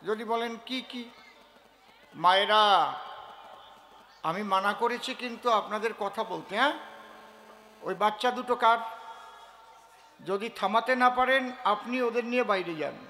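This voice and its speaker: Man, folk poet on stage, joking and lecturing, high bright voice, hall echo. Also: a little slow, long pauses. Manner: joking, earthy, teasing the audience, then lecturing. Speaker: kobigaan folk poet performer. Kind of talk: stage storytelling to a live audience.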